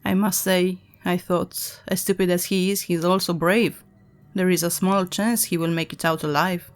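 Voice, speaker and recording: A woman's voice: fairly low pitch, fairly even intonation, moderate pace, faint music behind, close to an everyday voice. A woman reading as a desperate trapped man. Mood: determined. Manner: urgent, first-person confession.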